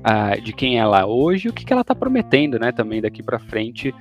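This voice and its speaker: Brazilian portuguese accent dude co-hosting a podcast, medium voice, casual explainer chat, faint music. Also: male voice, medium pitch, expressive, fairly quick, highs cut off. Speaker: podcast co-host.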